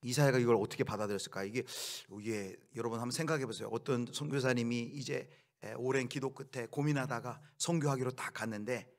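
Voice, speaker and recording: Male pastor, sermon delivery, expressive, sudden raised voice. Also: medium pitch, fast, hardly any pauses. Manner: preaching with acted quotes and sudden loud outbursts.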